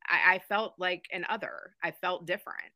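Bright, sharp-voiced woman guest from Kentucky. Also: on the low side, steady tone, normal speed, no room sound. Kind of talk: casual conversation.

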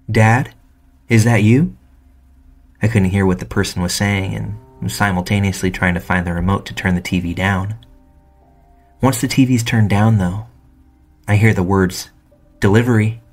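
Guy narrating creepy reddit stories, real low and monotone, soft music under it. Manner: calm, measured storytelling. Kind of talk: scripted narration of true stories.

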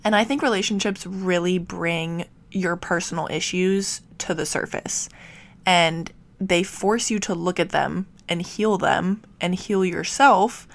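A woman's voice: on the low side, gravelly. A young woman hosting a casual solo podcast Q&A, her voice nasal from a cold, chatty with frequent ums and little laughs. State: slightly sick, nasal. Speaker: podcast host.

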